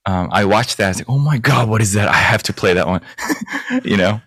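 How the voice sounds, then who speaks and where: A man, a guest chatting casually in an interview and often pausing on fillers. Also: lowish voice, breathy edge, no room sound, clean studio sound. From South Korea. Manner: hesitant, many fillers and restarts, animated when recounting. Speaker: guest guitarist and music producer.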